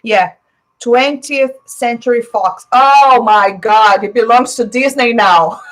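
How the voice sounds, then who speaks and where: Speaking slowly in a fairly high-pitched voice, a Brazilian woman who grew up with Portuguese hosts a casual live stream on a rough recording. She's chatty and opinionated, fielding viewer comments and using many fillers.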